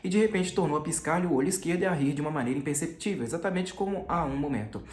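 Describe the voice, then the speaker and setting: A man reading a novel aloud as narrator, with brisk, steady delivery. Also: a little high. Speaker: audiobook reader. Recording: roomy echo.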